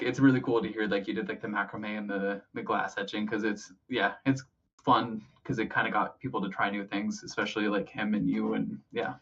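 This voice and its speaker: Husky man, muffled and distant. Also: lowish voice, a bit bright. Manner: hesitant, rambling, informal. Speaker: interview guest, hobby club officer. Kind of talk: casual conversational interview.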